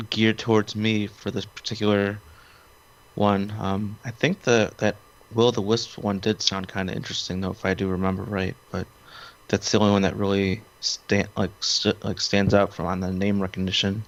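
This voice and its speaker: A man co-hosting a casual podcast, talking in a relaxed, easygoing way. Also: lowish voice. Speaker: podcast co-host. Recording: dull, muffled sound.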